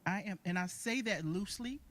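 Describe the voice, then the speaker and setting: A woman in her forties, a singer and caregiver, chatting as an interview guest from a recording studio over a video call, animated and colloquial. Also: medium pitch, brisk. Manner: expressive, animated, warm-hearted talk with colloquial phrasing. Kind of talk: casual interview talk.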